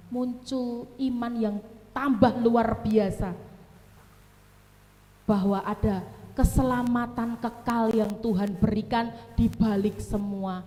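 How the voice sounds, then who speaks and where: Animated Javanese-accented woman preaching. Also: fairly high pitch. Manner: animated, mixing in Javanese asides and acted family quotes, laughing at her own stories. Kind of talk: sermon. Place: church hall. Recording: echoey church hall with long reverb.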